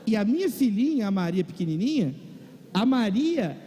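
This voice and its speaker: A man's voice: sits high, very animated, normal speed, mellow, husky. A male pastor with a Brazilian Portuguese accent, preaching a sermon and telling a comic personal story to his congregation. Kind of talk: sermon with humorous personal anecdote. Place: large church or auditorium. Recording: long reverb of a large hall.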